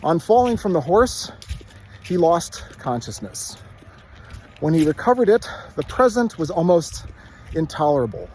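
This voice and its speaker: A man with a somewhat higher-pitched voice recites literary prose by rote. He delivers it from memory in short, measured phrases. A light layer of ambient noise sits behind the voice. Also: darkish tone, rough recording.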